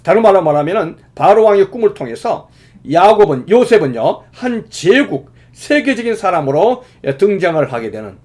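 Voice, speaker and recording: Animated Korean pastor preaching. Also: male voice, sits high, normal speed. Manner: explanatory preaching with many fillers, rising emphatically at key points. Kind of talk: sermon.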